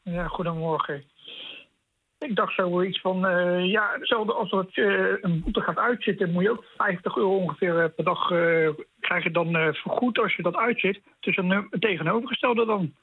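A man calling in to a radio show, speaking slowly and easygoing, with hesitant pauses. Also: sits high, a little hiss or hum. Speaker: caller. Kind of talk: phone-in call. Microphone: phone. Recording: tinny phone line.

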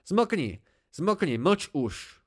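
A man voicing Bast, a volatile young fae man who pleads and shouts in high, excitable outbursts, in an amateur audiobook. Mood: furious.

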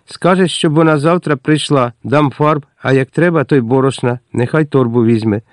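A man voicing a harsh, scolding middle-aged landlady in a storybook reading, shrill and quick to insult. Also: a little mellow, no echo, clean studio sound, close to an everyday voice. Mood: stern.

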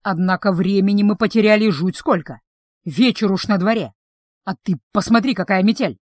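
A woman's voice: medium pitch, moderate pace, no echo, studio quality, close to an everyday voice. A woman voicing a discontented male adventurer who grumbles. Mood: grumbling.

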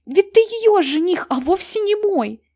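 A woman voicing a frightened, tearful young woman who pleads in a high, loud voice in a storybook reading. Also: normal speed, lightly acted. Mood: upset, pleading.

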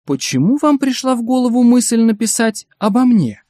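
A man's voice: on the high side, sing-song, measured pace, darkish tone, dry recording, clean studio sound. A man doing a wary, pudgy clinic boss. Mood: guarded. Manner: cautious, guarded. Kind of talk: audiobook character reading.

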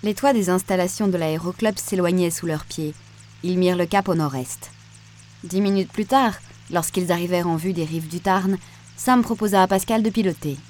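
A woman narrating a novel aloud in an audiobook, with a measured, even reading. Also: on the low side. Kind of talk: scripted narration.

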